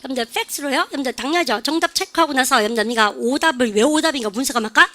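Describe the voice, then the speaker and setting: Woman, Daegu accent, high-pitched, English listening teacher, online lecture, chatty, asks many questions. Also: quick pace, pushed and bright. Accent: Daegu Korean. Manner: chatty, often asks her students questions.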